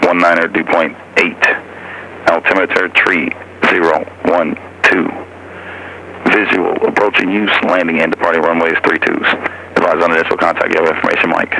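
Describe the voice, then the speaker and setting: A man reading a recorded airport weather broadcast over a cockpit radio, in a flat, measured way of reading out figures. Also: low voice, creaky, a little hiss or hum, low-quality recording. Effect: automated airport weather broadcast heard over cockpit radio.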